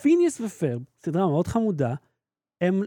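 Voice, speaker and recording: A man in his thirties with an Israeli accent, co-hosting a podcast in casual, animated chat. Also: high-pitched, no room sound, studio quality. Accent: Israeli Hebrew. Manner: animated, ranting. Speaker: podcast co-host.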